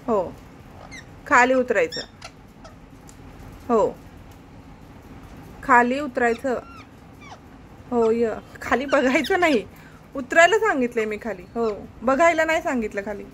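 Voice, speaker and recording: A woman's voice: fairly high pitch, animated, takes it slowly, pauses often, fairly bright tone, a little hiss or hum. A woman at home, scolding her pet parrot with repeated commands, filmed on a phone. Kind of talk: casual talk to a pet.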